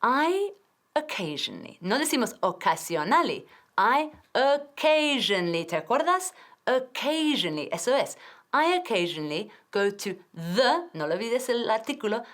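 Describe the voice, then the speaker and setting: Lively woman teaching English. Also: a little high, a little slow. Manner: clear, drilling pronunciation, switching between Spanish and English. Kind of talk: TV language lesson.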